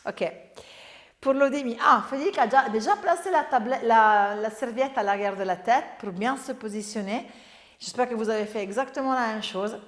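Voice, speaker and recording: A woman with a fairly high voice leads a Pilates session, calling out movements and breaths in an upbeat, brisk way. She sounds like she is in an echoey room where the sound rings on with a long reverb. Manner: upbeat, giving brisk exercise cues. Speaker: Pilates instructor. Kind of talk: guided workout instruction.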